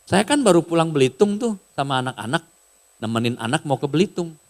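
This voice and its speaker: A middle-aged man preaching a sermon in a casual, animated way, sometimes raising his voice. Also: a little high, a little fast. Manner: casual, animated preaching with raised shouted bits. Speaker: pastor.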